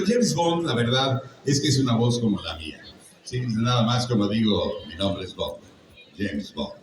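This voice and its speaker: A panel guest at a convention, this older voice actor speaks with a Mexican accent at medium pitch, telling stories to the audience in a conversational, humorous, instructive way. The background is noisy, and his voice sounds distant in the large, echoing hall.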